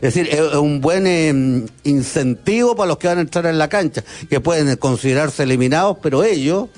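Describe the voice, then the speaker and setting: A man's voice: fairly high pitch, animated, brisk, darkish tone. Thoughtful man explaining on a football panel. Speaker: sports panelist. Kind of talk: casual sports debate.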